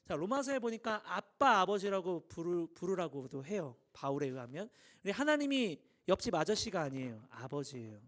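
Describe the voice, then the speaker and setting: A man in his thirties, a youth pastor, giving a lively sermon, acting out little dialogues and asking his listeners questions. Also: high voice, moderate pace. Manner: animated, acts out dialogues, asks the audience questions. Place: church hall.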